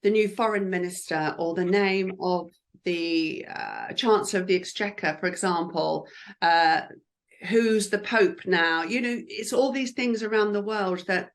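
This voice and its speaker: A woman's voice: mid-range voice, a little slow. Chatty woman giving career advice. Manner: chatty and encouraging, with frequent fillers. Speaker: lip speaker.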